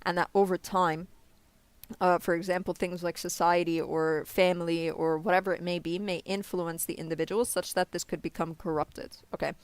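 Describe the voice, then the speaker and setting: A man's voice: high-pitched, fairly bright tone, smooth, no room sound. A man in a street debate about faith, patiently explaining and often checking "you understand?". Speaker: religious debater.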